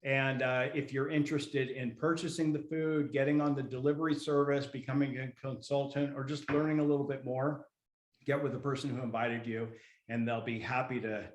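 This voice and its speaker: Relaxed man hosting a home video call. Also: medium pitch, fairly quick, echoey room. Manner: relaxed, folksy, with fillers. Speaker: host of a sales opportunity call. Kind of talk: casual pitch over video call.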